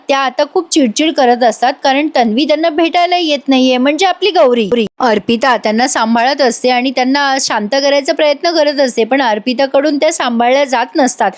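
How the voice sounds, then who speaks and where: A woman narrating a voice-over recap of a TV episode, chatting directly to her viewers. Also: high voice. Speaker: TV episode reviewer.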